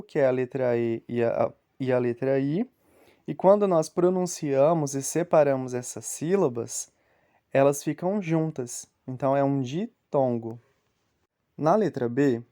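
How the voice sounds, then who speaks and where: A young man teaching children a grammar lesson, explaining slowly and step by step. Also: mid-range voice, warm tone.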